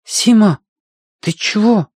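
A man reading a story aloud and voicing a young boy who talks in a high, pleading, tearful way. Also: slow, darkish tone, slightly rough, no room sound, clean studio sound, exaggerated voice. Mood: worried.

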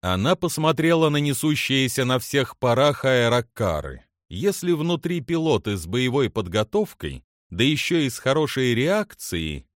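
A man reading a science fiction audiobook in an expressive, animated narration. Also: mid-range voice, normal speed, few pauses, no room sound, studio quality. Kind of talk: scripted narration.

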